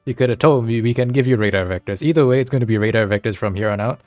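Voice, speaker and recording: Fast-talking male air traffic controller. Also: medium pitch, faint music behind.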